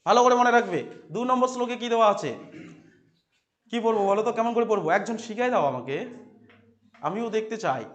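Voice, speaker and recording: A man teaching Sanskrit verses to a class. He quizzes the students, repeats key phrases and chants the verses slowly. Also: high voice, animated, a bit bright, dull audio. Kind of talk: classroom lecture explaining verses.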